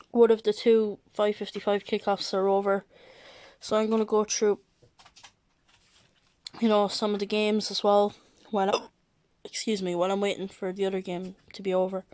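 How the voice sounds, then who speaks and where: A football vlogger with the hiccups casually reacts live, reading out results and lineups and repeatedly apologizing. Her medium-pitched voice is level and darkish, unhurried with long pauses, in a rough recording with no echo.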